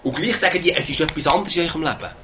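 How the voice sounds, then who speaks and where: A man's voice: fairly high pitch, racing, pushed and bright, slight background noise. Earnest Swiss German preacher, a man. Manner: earnest, repeats words, asks "oder?". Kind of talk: sermon.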